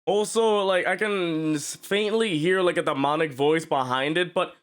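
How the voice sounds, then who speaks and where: A man's voice: fairly high pitch, normal speed, clear, resonant tone, faint music behind. A man giving casual, exclamatory reaction commentary as a video host, sounding incredulous.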